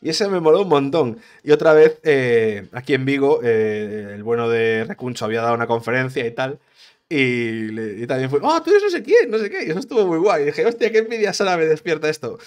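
Rambling podcaster man, mid-pitched. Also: fairly quick. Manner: rambling, chatty, frequent restarts and swearing. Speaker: podcast host, gaming streamer. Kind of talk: casual solo podcast monologue.

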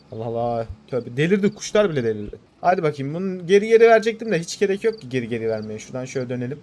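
A man hosting a gaming channel, giving casual, excitable commentary as he plays and talks to his viewers. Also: fairly high pitch.

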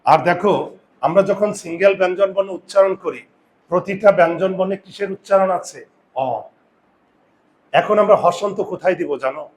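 A man teaching a grammar lesson, asking students rhetorical questions and slowly stressing and repeating key words, with confident asides. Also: sits high, steady tone. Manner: addresses students directly with frequent rhetorical questions. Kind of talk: classroom-style video lesson.

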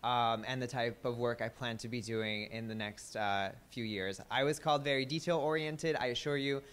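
A man in his thirties with an American accent, raised in Italy, gives a conference talk from the stage. He's a little nervous and self-deprecating, full of fillers and restarts. His voice is medium in pitch, fairly bright, and at a normal speed.

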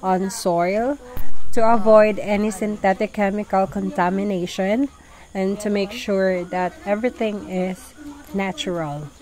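A woman calmly explaining, step by step, how she prepares a farm fertilizer mix, speaking outdoors on a farm. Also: medium pitch, unhurried, poor audio. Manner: calm, explanatory, plain wording. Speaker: farm vlogger. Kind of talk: instructional farm narration.

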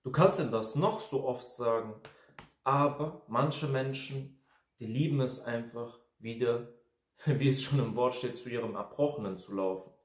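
A man's voice: medium pitch, normal speed. A man in his twenties, a life coach talking casually to camera in an emphatic, repetitive ranting manner. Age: 20s. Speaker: life coach and video host. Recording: echoey room.

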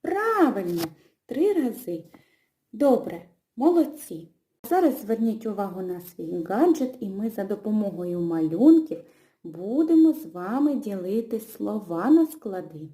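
A woman teaching young children to read, talking in a gentle, slow, sing-song way and breaking words into syllables. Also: medium pitch, big pitch swings. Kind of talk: children's literacy lesson with a told tale. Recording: echoey room.

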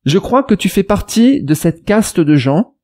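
A French investment YouTuber answers a viewer's comment in a rambling, digressive video, full of restarts and fillers, arguing his point straight at that viewer. His voice sits high and is a little mellow, very animated yet delivered at a measured pace.

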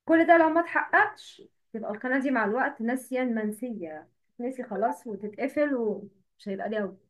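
A woman with an Egyptian Arabic accent teaching a livestream lesson, explaining step by step and repeating terms slowly. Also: fairly high pitch.

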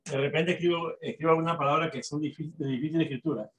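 Male teacher, fairly high voice, steady classroom dictation, sometimes drifts from the mic. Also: quick pace. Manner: instructive, repeats and checks with "¿verdad?".

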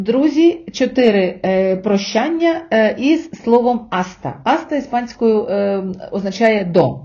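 Woman teaching, slow careful example words. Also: fairly high pitch, dark tone, dull audio. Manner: addresses listeners as friends, with hesitation fillers. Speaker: Spanish language teacher. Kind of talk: spoken language lesson.

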